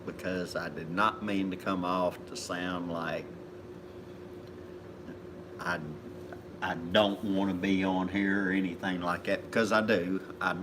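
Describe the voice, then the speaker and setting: Man, very deep, unhurried, apologetic co-host, noisy background. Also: fairly even intonation. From Kentucky, USA. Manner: slow, apologetic, mumbling. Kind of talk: casual livestream chat.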